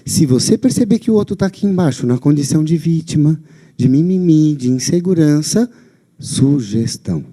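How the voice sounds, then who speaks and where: Speaking live to an audience at a lecture venue through a lapel mic, a man with a Brazilian Portuguese accent lectures with emphasis and frequently checks in with listeners. His fairly high, mellow voice swings widely in pitch, with lively intonation at a moderate pace.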